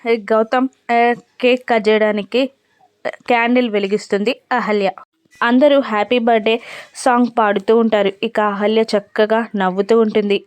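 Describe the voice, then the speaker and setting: Woman, serial recap narration, steady storytelling, fairly high voice, dry close sound. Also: moderate pace, clean tone, no echo.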